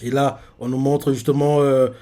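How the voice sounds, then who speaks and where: A man's voice: medium pitch, level tone, normal speed, warm tone. A man casually reading a manga chapter aloud and commenting, with lots of fillers. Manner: lots of fillers, laughs as he reacts. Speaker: manga reaction youtuber.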